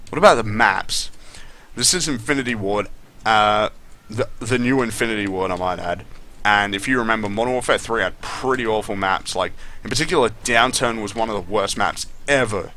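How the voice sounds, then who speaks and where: A man's voice: fairly low pitch, normal speed, sharp tone, slight background noise. A man doing casual gameplay commentary, complaining and swearing in a disgruntled way. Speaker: gaming commentator.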